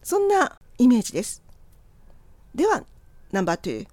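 A woman's voice: fairly high pitch, wildly swooping pitch, a little mellow, dry recording. Polite woman teaching English. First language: Japanese. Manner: models English phrases slowly for learners to repeat; polite, encouraging teacher's Japanese. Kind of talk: lesson on polite English for customer service.

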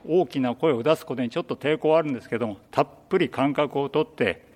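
A man who leads a reading club, answering interview questions calmly with some hesitant fillers. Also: medium pitch, quick pace. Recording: long reverb.

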